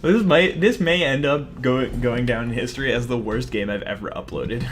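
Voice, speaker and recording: A young man at medium pitch and normal speed chats casually to viewers as a gaming video host, rambling and poking fun at himself over his own card game. There's slight background noise.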